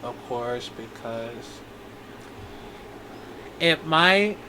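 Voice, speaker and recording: A man in his twenties talking in a personal video diary, halting and rambling with many restarts. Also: medium pitch, animated, very noisy. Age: 20s. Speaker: vlogger.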